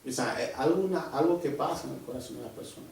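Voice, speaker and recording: A man preaching a sermon at church, emphatic and animated, often dropping into a hushed voice as he tells a personal testimony. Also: mid-range voice, fast, creaky, slight background noise. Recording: very echoey church hall from far off.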